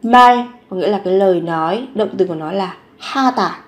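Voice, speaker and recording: A woman teaching short everyday phrases, repeating each one slowly before explaining it. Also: medium pitch. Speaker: Korean language teacher. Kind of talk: Korean lesson explained in Vietnamese.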